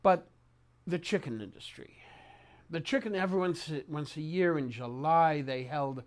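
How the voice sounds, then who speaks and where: An older man reminiscing in an oral-history interview, speaking haltingly with repeated words and pauses mid-sentence. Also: on the high side. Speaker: interviewee recounting memories.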